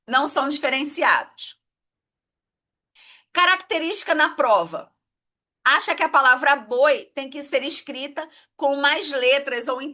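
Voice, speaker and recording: A woman's voice: sits high, sharp tone. A woman teaching an exam-prep lesson, explaining step by step and checking in with her students often.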